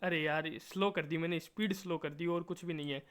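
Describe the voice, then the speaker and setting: Bright high-pitched excitable man. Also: brisk, clean tone. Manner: silly rhyming chants and playful scolding of the game; excitable, stretches words into repeated chants. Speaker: gameplay commentator. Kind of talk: comic gameplay commentary.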